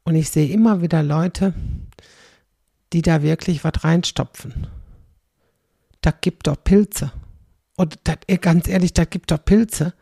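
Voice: medium pitch, measured pace, vocal fry, long pauses, warm tone, slightly rough, dry recording, clean studio sound. A middle-aged comedian, doing a chatty, rambling stand-up monologue and tagging sentences with "ne?". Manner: rambling, chatty, constantly tags "ne?".

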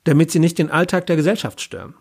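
Earnest man, plain-spoken, husky voice, fairly high pitch, voiced by the narrator. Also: steady tone, fast.

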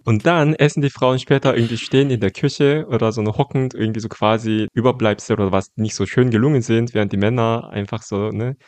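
A man hosting a casual interview, talking calmly and attentively, often ending sentences with a questioning tag. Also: mid-range voice, a little fast, hardly any pauses, dry recording, soft background music. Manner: calm, attentive, frequent "ne?" tags and "mhm". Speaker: podcast host.

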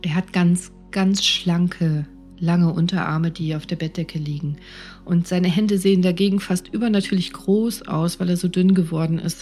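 A woman doctor vividly telling a personal story, acting out the dialogue. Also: lowish voice. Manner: vivid, animated retelling with acted dialogue.

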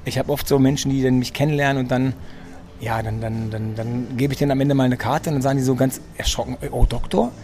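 A man's voice: mid-range voice, steady tone, quick pace, warm tone, slight background noise. A man, a sports physician, chatting as an interview guest in a restaurant, telling his story and often repeating words while he searches for phrasing. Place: restaurant in Munich.

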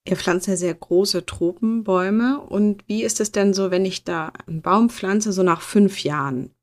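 A woman's voice: mid-range voice, a little slow. This is a woman of about forty running a casual interview. She rambles a little and jokes about herself, and she keeps her tone loose and chatty. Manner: chatty, self-mocking, asks loose rambling questions. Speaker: host.

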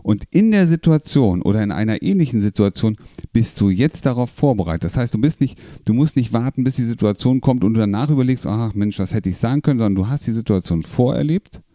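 A man's voice: mid-range voice, expressive, fast, mellow, no echo, clean studio sound. A man coaching a listener, explaining with examples, rhetorical questions and frequent tag questions. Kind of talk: coaching talk in a podcast.

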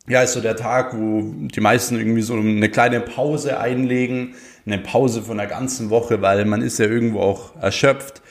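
A young man talking casually and motivationally to his viewers, with many fillers and rising emphasis on his key points. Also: fairly low pitch. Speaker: motivational speaker.

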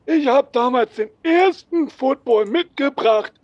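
A man voicing a boastful old founder who tells his stories slowly. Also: very high-pitched, animated, a little mellow, no echo, highs cut off, voice pushed up, exaggerated voice. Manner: slow, boastful storytelling.

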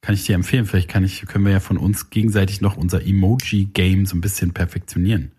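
A man's voice: low voice, flat delivery, quick pace, dark tone, breathy edge. A man co-hosting a podcast in casual comedic chat, joking around and dropping into silly sounds. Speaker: podcast co-host.

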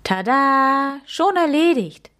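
A woman's voice: mid-range voice, animated, normal speed, darkish tone, lightly acted. A woman voicing a brave, confident young boy in a children's story. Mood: cheerful. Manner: firm, confident.

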